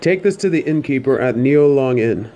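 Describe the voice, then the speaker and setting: A man lightly acts the role of an easygoing, friendly wagon driver in ancient China for a fan audio drama, sounding casual and chatty. His mid-range voice is mellow with lively intonation at a moderate pace, and slight background noise is audible.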